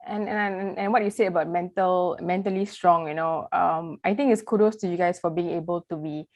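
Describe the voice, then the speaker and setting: A woman's voice: on the low side, steady tone, brisk, darkish tone, no room sound, clean studio sound. Chatty female interview host. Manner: chatty, rambling questions with fillers. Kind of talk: casual interview hosting.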